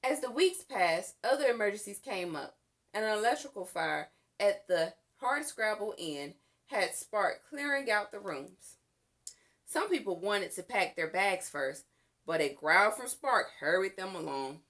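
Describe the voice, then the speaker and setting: A storybook reader with a mid-range voice brings a children's tale to life, reading it out expressively and at a measured, careful pace.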